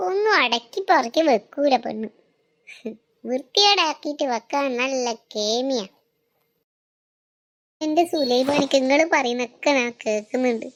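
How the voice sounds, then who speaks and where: A woman with a very high voice plays out a comic family skit. She switches quickly between scolding, teasing and calling the children to wake up and eat. Her delivery is plain and close to her own everyday speech. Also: animated. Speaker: comedy sketch performer.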